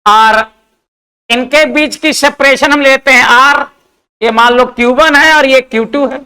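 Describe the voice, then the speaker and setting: A male physics teacher giving a classroom lecture. He asks questions, answers them himself, repeats key points and dictates definitions slowly. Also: very high voice, sharp tone, smooth, rough recording.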